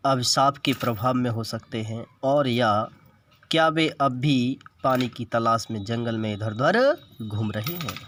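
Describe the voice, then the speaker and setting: In this bilingual classroom lesson, a man with a mid-range, slightly bright voice explains an English text. He reads each line in an Indian accent and patiently goes over every word, with a bit of background noise present.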